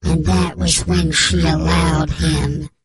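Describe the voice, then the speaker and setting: A man playing an anonymous male informant whose voice is disguised, speaking in a slow, solemn, mock-dramatic way on a comic sports radio bit. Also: on the high side, little pitch movement, a loud crowd. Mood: grave, mock-secretive.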